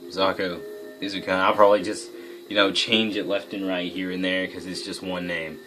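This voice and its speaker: A man's voice: sits low, flat delivery, fairly quick. A man hosting a gaming video, casually commenting on gameplay and thinking aloud in a rambling, self-correcting way. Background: game music.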